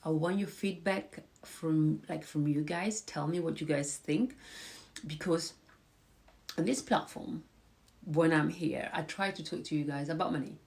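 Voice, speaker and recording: Hosting a laid-back live stream, this woman talks with her audience and offers encouragement in a deep, gravelly, somewhat dark voice at a measured pace. A mild cold colors how she sounds.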